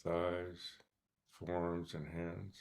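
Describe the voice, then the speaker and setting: A man leading a guided meditation, speaking softly and calmly with long pauses between short instructions. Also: deep voice. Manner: slow, calm, soft-spoken instructions with pauses. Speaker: meditation teacher.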